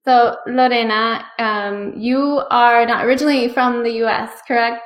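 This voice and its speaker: Speaking a little high with fairly even intonation at a moderate pace, this thirtysomething woman hosts a podcast. She interviews conversationally, chatty in her questions and using fillers as she thinks aloud.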